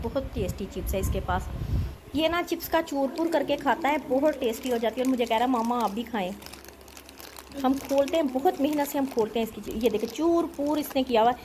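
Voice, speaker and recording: A woman, chatting casually to viewers in a home vlog, politely addressing them as she cooks. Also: sits high. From Pakistan. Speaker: family vlogger and mother. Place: home kitchen and bedroom, indoors. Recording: household background noise.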